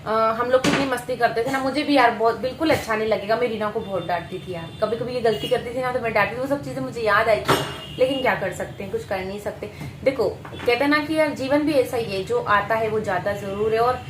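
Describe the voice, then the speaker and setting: A young woman, vlogging in a casual, animated way at her workplace, coaxing and teasing a colleague. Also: a little high, fast. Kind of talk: casual vlog chat. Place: workplace room among staff. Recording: echoey room, faint ambient noise.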